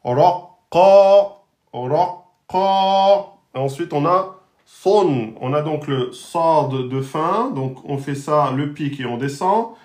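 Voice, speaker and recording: A man's voice: on the high side, lively intonation, slow pace. A man teaching an online lesson on Arabic letters, patiently repeating and drilling each pronunciation. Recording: roomy echo.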